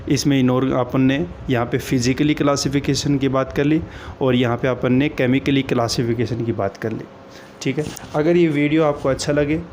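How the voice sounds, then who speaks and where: A mid-range, slightly mellow voice with fairly even intonation delivers a slow chemistry lecture, with a little hiss or hum present. The teacher raises questions and answers them himself, repeating key terms and mixing in English phrases.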